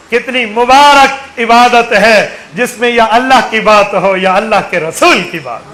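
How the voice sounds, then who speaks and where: A man's voice: extremely high pitch, bright, forceful tone, slight background noise, poor audio. A man with a Saraiki accent preaching a sermon, counting aloud and quizzing his listeners with fervent exhortation.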